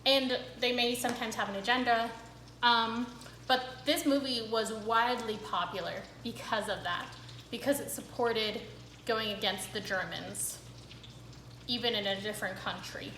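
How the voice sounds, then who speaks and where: A woman's voice: on the high side, steady tone, moderate pace, fairly bright tone, echoey room, slight background noise, rough recording. A young woman hosting a cooking vlog, chatting casually to camera with a rambling, filler-filled manner.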